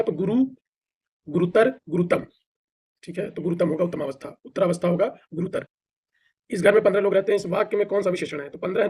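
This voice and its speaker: A man with an Indian accent teaching exam vocabulary, reciting lists of words quickly with short explanations and English phrases mixed in. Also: sits high, a little mellow, slight background noise. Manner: rapid list recitation with brief explanations; mixes English phrases into Hindi. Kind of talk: exam-prep vocabulary drill.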